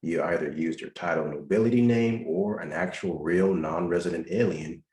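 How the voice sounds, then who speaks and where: A man with a very low, deep voice hosts a live video-call class and fields questions from callers. He speaks in an instructive way and drives his points home through repetition. The sound is roomy, with a noticeable echo around him. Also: moderate pace, a little mellow. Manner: instructive, repeats advice with emphasis. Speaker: host answering caller questions.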